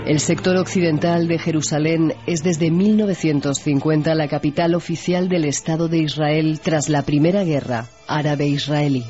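A man reads a measured, formal documentary narration in a fairly high voice. Music plays clearly beneath him. The whole thing sounds like a dull, lo-fi radio broadcast. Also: steady tone, mellow.

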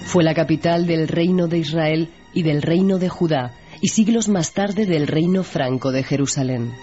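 Brief: male narrator, fairly high voice, formal scripted read, music clearly under it, dull radio sound. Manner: measured and formal.

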